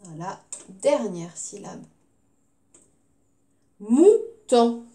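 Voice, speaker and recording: A woman teacher with a French accent giving a recorded phonics lesson to young children, saying words slowly and clearly syllable by syllable and encouraging them gently, with some hesitations. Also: a little high, expressive. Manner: slow, clearly articulated, repeating words syllable by syllable.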